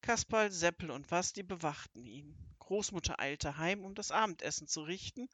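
An audiobook narrator reading a children's story in a lively, expressive way. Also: mid-range voice, normal speed, no room sound. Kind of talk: scripted narration of a children's book.

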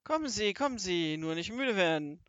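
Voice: medium pitch, animated, normal speed, a bit bright, no echo, dull audio, close to an everyday voice. A reader voicing a kindly, cheerful old grandmother in a children's audiobook. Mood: cheery. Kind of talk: audiobook character voice.

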